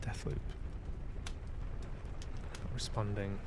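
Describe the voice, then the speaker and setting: This man talks slowly over background noise. He's a Manchester livestream host chatting casually while playing games, hesitant and musing aloud to himself.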